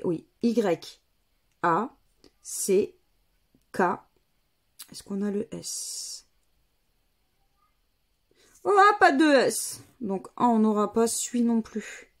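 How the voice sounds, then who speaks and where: Slow, methodical woman vlogger. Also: mid-range voice, darkish tone. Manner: methodical, spells out letters and numbers one by one. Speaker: scratch-card vlogger. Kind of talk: casual commentary while playing scratch games.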